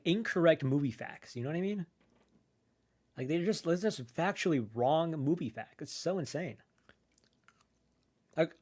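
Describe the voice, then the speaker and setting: A man streaming live from his computer, chatting casually while he eats, rambling and swearing with lots of "like" and restarts. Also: a little high. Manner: rambling, profane, full of "like" and restarts; chews and munches while talking.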